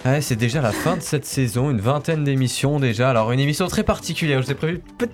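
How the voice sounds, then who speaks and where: A man's voice: medium pitch, animated, fast talker, faint music behind. A young man hosting a casual radio show, upbeat with frequent fillers. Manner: upbeat, sing-song greetings, many fillers.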